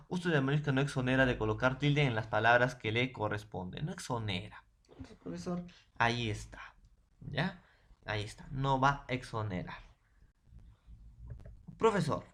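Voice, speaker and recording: A Peruvian man gives a secondary school language lesson. His voice sits at a middle pitch, and he circles back over each point, tagging questions onto nearly every sentence. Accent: Peruvian Spanish. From Peru. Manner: repetitive, keeps adding tag questions and "profesor". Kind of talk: remote class lecture.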